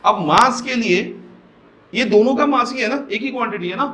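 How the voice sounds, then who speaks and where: A man with a Hyderabadi Hindi accent gives a classroom physics lecture, explaining step by step, mixing in English terms, and asking the class questions along the way. His very high voice is pushed and bright, at normal speed.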